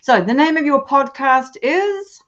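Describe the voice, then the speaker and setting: A woman's voice: sits high, lively intonation, unhurried, fairly bright tone, muffled recording. A woman hosting a live video interview, wrapping up with thanks and a few hesitant fillers. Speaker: host.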